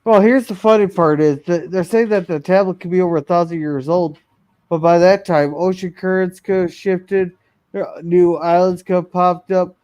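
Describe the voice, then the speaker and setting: A man's voice: high-pitched, steady tone, normal speed, a little mellow, no room sound. A man co-hosting a live-streamed classic TV review show, chatting casually with frequent restarts and fillers.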